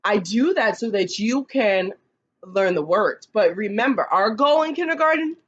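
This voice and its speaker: A woman who teaches kindergarten, reading picture books aloud slowly and expressively, with chatty asides to the children. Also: highs cut off. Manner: slow, expressive read-aloud with lively pitch, chatty asides.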